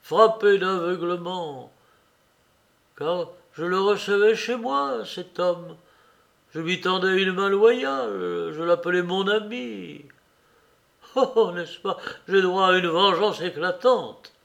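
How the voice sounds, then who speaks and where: A man's voice: high voice, takes it slowly, gravelly, voice pushed up, exaggerated voice. A man acting a furious grieving old father. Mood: enraged grief. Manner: loud, impassioned outbursts. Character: older grieving father, a mayor, enraged and vengeful. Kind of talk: audiobook reading.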